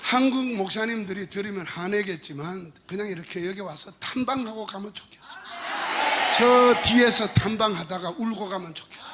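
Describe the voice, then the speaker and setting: High-voiced male pastor shouting a sermon. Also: moderate pace, heavy background noise. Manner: animated, bursts into shouted emphasis, playful. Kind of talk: revival sermon. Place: church sanctuary.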